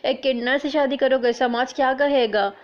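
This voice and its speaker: Storybook role: a woman reading a scornful young neighbor; higher pitch, dull recording. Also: level tone, close to an everyday voice.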